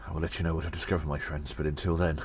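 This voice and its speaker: The voice of a gnome secret agent in an audio drama comes from a man speaking strikingly low with little pitch movement. Grave and concerned, he still performs in a theatrical, self-important, cheeky and deliberate manner, over noticeable background noise.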